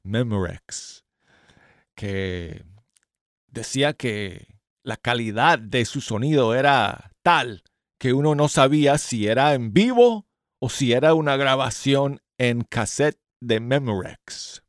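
A man's voice: mid-range voice, slow pace, no echo, studio quality. A man hosting a live radio music show in a chatty, self-deprecating way, his speech slightly impeded and lisping from new dental braces. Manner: friendly, informal, joking at himself. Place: radio studio. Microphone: close studio microphone.

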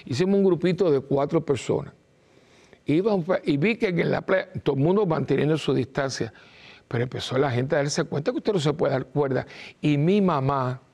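Gravelly priest preaching. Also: male voice, fairly high pitch, darkish tone. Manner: emphatic, repeats short no's, acts out quoted voices. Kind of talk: informal preaching talk.

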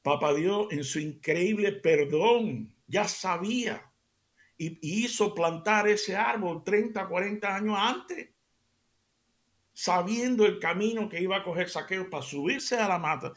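A man, hosting a radio devotional. He retells Bible stories as an animated, dramatic storyteller and drops to soft near-whispers for emphasis. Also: high voice, measured pace. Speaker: radio host and preacher.

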